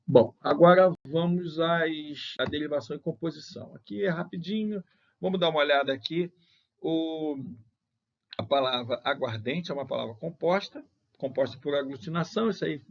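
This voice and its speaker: A man's voice: on the high side, creaky, breathy edge. A Brazilian man teaching a grammar lesson as he corrects exercises, emphatic, and often mimicking students' objections before he rebuts them. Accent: Brazilian Portuguese. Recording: dull lo-fi lecture recording.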